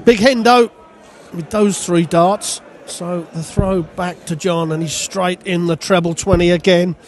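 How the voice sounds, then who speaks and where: Male darts pundit, high voice, chatty expert analysis. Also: steady tone, unhurried, soft background music. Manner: chatty, opinionated co-commentator. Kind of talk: live sports commentary.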